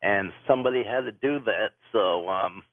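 A man's voice: fairly low pitch, normal speed, no room sound. A man calling in to a radio show, talking in a casual, easygoing, slightly hesitant way. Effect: phone line into a radio show. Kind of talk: casual call-in chat. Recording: tinny phone line.

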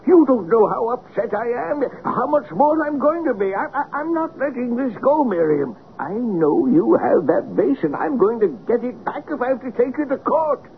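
A man's voice: very high-pitched, sing-song, moderate pace, creaky, few pauses, exaggerated voice. An actor playing a desperate, stammering, frail old man in a radio drama. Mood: outraged, agitated. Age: older. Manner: agitated, stammering, repeating himself. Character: desperate, furious, frail old man, long-time family friend. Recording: muffled phone-like sound, faint noise.

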